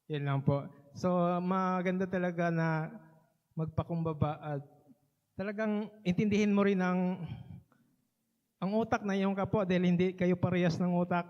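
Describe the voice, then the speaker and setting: Earnest man with a high voice, church testimony, muffled and roomy. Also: fairly even intonation, normal speed, pauses often. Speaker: church member giving testimony. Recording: dull echoey church hall.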